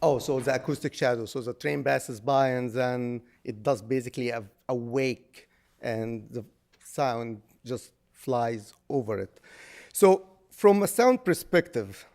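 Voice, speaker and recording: An Egyptian engineering consultant presents technical findings at a public hearing, speaking loudly with many restarts and fillers. His voice is mid-range and gravelly, and he takes his time.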